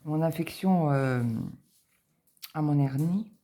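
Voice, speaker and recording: Middle-aged woman chatting away nervously, low voice, repeats herself a lot. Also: takes it slowly, warm tone. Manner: anxious, rambling, many fillers and repeats. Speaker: cross-stitch vlogger. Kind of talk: casual chatty monologue.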